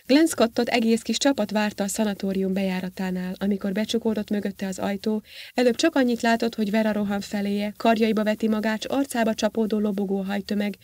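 A woman's voice: medium pitch, fairly even intonation, a little mellow, no echo, studio quality. Woman narrating a sci-fi audiobook. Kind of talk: scripted narration.

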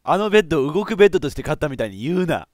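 Excitable man in lively game commentary. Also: a little high, rapid-fire, no echo, clean studio sound. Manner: excitable, laughs often, yelps at failures. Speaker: let's play commentator.

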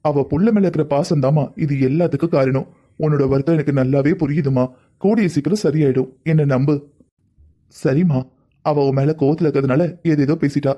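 A man voicing a kind older father-in-law who talks gently and reassuringly in a cartoon family drama. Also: a little high, a little fast, close to an everyday voice. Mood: soothing. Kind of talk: cartoon voice acting.

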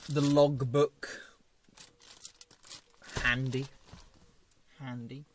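Delivery is flat and very slow as this young adult man, mid-range in voice, sits in a parked small car and presents its contents to a fixed dashboard camera. His casual vlog is chatty and dryly self-mocking, with slight background noise.

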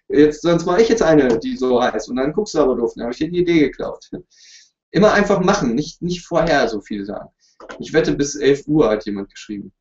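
A YouTuber chats on his livestream from home, sitting before a couch and answering viewers with lighthearted apologies. His voice is on the high side and a little mellow. The webcam sound is roomy, distant, and dull.

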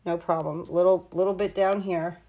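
An American woman in her sixties has a warm, lowish voice with a steady tone and normal speed. At her indoor craft table at home, she gives a live card-making demo, chatting and rambling as she explains every step.

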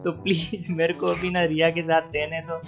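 A man's voice: on the high side, completely flat delivery, moderate pace, creaky, dull audio, faint music behind. A man hosting a gaming channel, talking casually and pleading defensively with two women over voice chat. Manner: pleading, defensive, keeps saying yaar.

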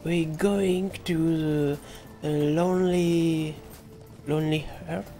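A man putting on an Englishman with a put-on English accent who speaks French haltingly and slowly. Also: a little high, steady tone, mellow, soft background music, voice pushed up. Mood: bumbling. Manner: halting, drawn-out words. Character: Englishman mangling French, stiff and polite.

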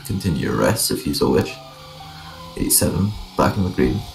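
A man's voice: sits low, very animated, fairly quick, creaky, soft background music. A man giving clipped orders over a police radio channel in a roleplay game.

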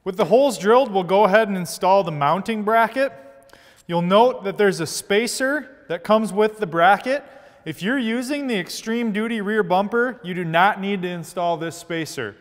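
Man, 30s, high voice, methodical how-to narration, long room reverb. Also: normal speed. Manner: steady, methodical step-by-step explaining. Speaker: product installation instructor. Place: large indoor workshop studio.

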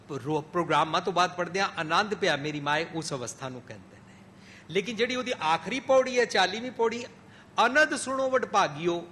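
Bright, lively male Sikh preacher. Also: fairly high pitch, a little hiss or hum. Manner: mixes English phrases into Punjabi, rising emphatic peaks and soft drops. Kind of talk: sermon. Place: gurdwara hall.

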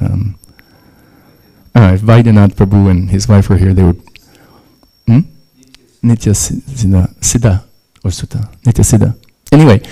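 Mellow-voiced man giving a scripture lecture. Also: fairly low pitch, creaky, low-quality recording. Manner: conversational, frequent restarts and "right?" asides.

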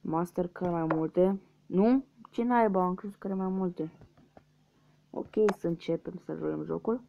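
A man's voice: sits high, level tone, creaky. A young man from Romania giving casual let's-play commentary, muttering guesses and swearing at losses. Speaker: gaming youtuber. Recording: dull lo-fi mic with faint hiss.

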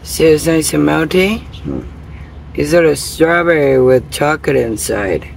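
Gravelly-voiced woman vlogging outdoors. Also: sits low, unhurried, darkish tone, slight background noise. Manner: chatty, laughs between remarks. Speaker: camping vlogger. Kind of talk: casual outdoor vlog. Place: backyard lawn by a tent, outdoors. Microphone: camera on a stand at a distance, later phone at arm's length.

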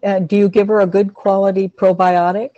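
A woman's voice: medium pitch, flat delivery, fairly quick, no echo, muffled recording. A woman teaching an online class on a video call, chatty and affectionate, calling people honey and sweetheart. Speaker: animal communicator teaching a class. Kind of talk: casual online class talk.

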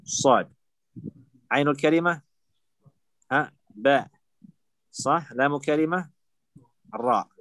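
A man's voice: fairly high pitch, measured pace, pauses often, fairly bright tone, no echo, poor audio. A man teaching Arabic morphology to students, patiently repeating words and drilling forms step by step. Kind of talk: live online lesson with students.

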